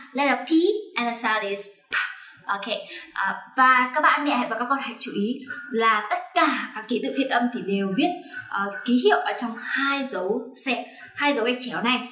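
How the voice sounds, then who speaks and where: Teaching English pronunciation online to parents and their children, a woman coaxes and checks as the lesson proceeds. Her voice is fairly high with a sharp tone, recorded in a roomy space.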